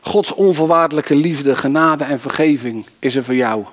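A man's voice: on the high side, normal speed. A man preaching a sermon, addressing listeners directly and personally.

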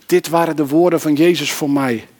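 A man's voice: on the high side, steady tone, fairly quick, a little mellow, close to an everyday voice. A man voicing a remorseful apostle confessing in first person, in a dramatic monologue within a sermon. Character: remorseful male apostle, adult, once impetuous.

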